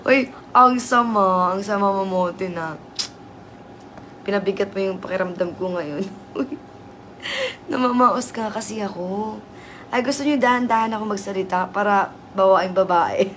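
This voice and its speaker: A hoarse woman hosting a casual livestream, chatty and teasing as she greets viewers. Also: mid-range voice, moderate pace, pauses often, a bit bright, a little hiss or hum. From Southern Leyte, Philippines. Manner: chatty, teasing, laughs often. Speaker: livestream host.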